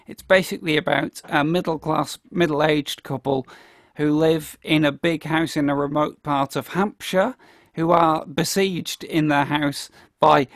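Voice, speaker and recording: A man's voice: a little high, creaky, dry recording, studio quality. A man hosting a casual film discussion in a rambling, informal way. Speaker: podcast host.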